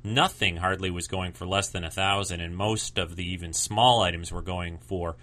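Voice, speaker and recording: A man's voice: low-pitched, steady tone, normal speed, sharp tone. A man hosting a show with casual, rambling commentary, informal and a bit hesitant. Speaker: podcast host.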